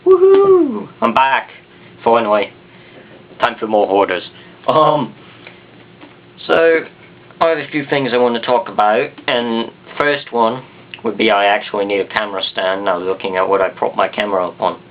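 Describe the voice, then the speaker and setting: In a rambling, self-deprecating vlog, a man with a Southern US accent chats off the cuff to the camera. His voice is fairly low and his pace moderate, and the recording has the muffled, dull quality of a consumer camera.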